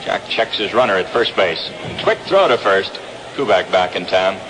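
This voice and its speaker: Calling the baseball action at normal speed, an American man with a low, animated voice works in the style of a 1960s radio broadcast. The outdoor ballpark recording, from 1962, is vintage and noisy.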